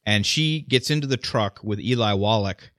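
A low-voiced man muses about a film on a radio show, wandering through his thoughts. The studio is dry and close. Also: normal speed, a bit bright, dry recording. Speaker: radio film review co-host. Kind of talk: casual radio chat.

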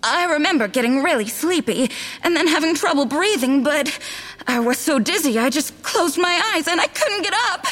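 An imperious, theatrical ghost of a dinner-theater actress. Her high voice rises and falls dramatically. A long reverb trails behind her lines. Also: lively intonation, moderate pace, fairly bright tone, faint music behind. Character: dramatic female murder-mystery actor ghost, never breaks character. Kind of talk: audio drama acting.

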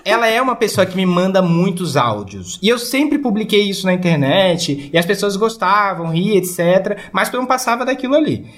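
A man's voice: high-pitched, big pitch swings, fairly quick, hardly any pauses, a bit bright. A young man chatting in an interview as a guest, telling stories with lots of fillers. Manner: chatty storyteller, many fillers like "tipo assim". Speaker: guest, creator of comedy videos about his mother. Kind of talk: casual interview chat.

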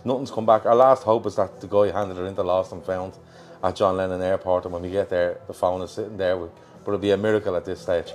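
A man's voice: sits low, fairly even intonation, fast talker, darkish tone. An Irish man hosting a football show as a casual live chat, in a colloquial, matey manner. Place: pub in Liverpool. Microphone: worn mic.

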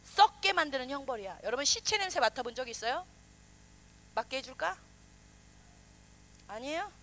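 High, bright-voiced woman preaching. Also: moderate pace. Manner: animated, questions the congregation, acts out quoted voices. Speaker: pastor. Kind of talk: sermon.

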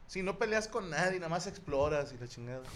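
A man's voice: on the high side, expressive, fast, slight background noise. A man with a Mexican accent bantering in a rowdy, profane way and laughing often on a comedy podcast. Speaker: podcast co-host.

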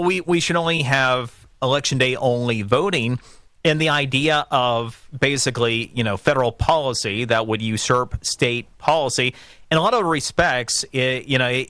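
A dry, close studio recording of an American man hosting a call-in radio show. His voice is bright and forceful, and he comments on politics emphatically, doubling back on phrases for stress. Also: medium pitch, no echo. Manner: emphatic, repeats phrases for stress, stop-and-start. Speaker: talk radio host. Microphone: close studio broadcast mic.

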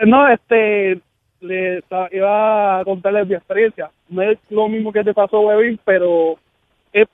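A man calling in to a radio show, telling a story in a plain, halting way. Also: high voice, steady tone, no room sound. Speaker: caller. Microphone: telephone. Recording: tinny phone line.

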